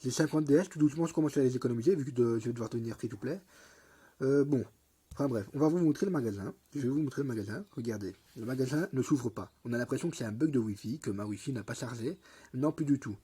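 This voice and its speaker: Husky young man with a cold. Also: medium pitch, quick pace, mellow. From Belgium. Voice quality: lisp. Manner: rambling, slangy, hesitant. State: congested with a cold. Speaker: mobile game YouTuber. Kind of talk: casual tutorial commentary.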